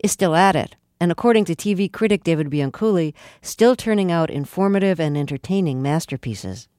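A man's voice: a little high, animated, fairly quick, a little mellow, no room sound, clean studio sound. A man hosting radio, reading a scripted introduction. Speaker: radio host introducing a segment.

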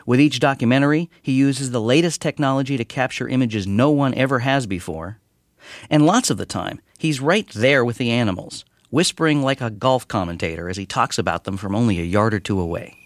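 A man's voice: mid-range voice, brisk, no echo, clean studio sound. An American man delivering a scripted radio review as a television critic. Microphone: close studio microphone.

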